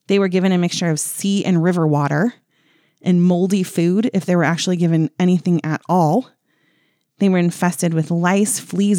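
A woman's voice: on the low side, darkish tone, no room sound, studio quality. A woman co-hosting a podcast, telling a history story casually with lots of fillers and wry asides. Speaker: podcast co-host.

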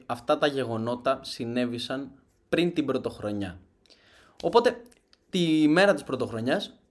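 A young man telling comic stories and acting out the people in them in his own lively way. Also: a little high. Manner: lively, acts out quotes in other voices. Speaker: stand-up comedian. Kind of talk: comic storytelling.

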